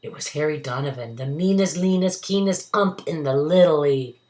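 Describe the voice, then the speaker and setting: A woman's voice: low voice, fairly quick, warm tone. A woman reading a verse story aloud to children with dramatic, emphatic delivery, recorded indoors at home. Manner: dramatic, emphatic delivery with acted character voices. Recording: roomy, echoey home recording.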